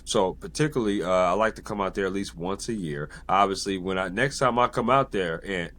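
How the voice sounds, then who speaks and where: A man from San Diego hosting a casual podcast interview, talking in a relaxed way with lots of fillers and repeated affirmations. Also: deep voice, a little fast. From San Diego, United States. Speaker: podcast host and sports journalist.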